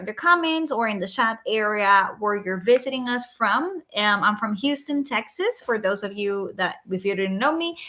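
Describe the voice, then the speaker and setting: Fairly high and sharp in tone, the voice belongs to a Puerto Rican woman whose first language is Spanish and whose accent reflects it. Working as a life coach, she runs a relaxed livestream from home at night, talking in an earnest, chatty way peppered with "right?" and "um."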